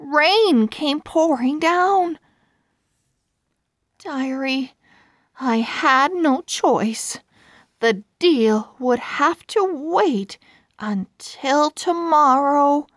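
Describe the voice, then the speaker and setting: Speaking in a high-sitting voice, a female storyteller reads a children's book aloud with careful enunciation and a deliberate, expressive manner. The studio-quality recording has no echo.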